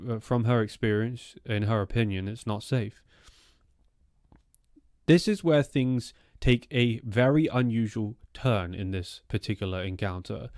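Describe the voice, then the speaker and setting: A man's voice: fairly low pitch, a little mellow, no echo, studio quality. A man narrating strange true encounters as a storytelling host, in a conversational, rambling way with informal asides.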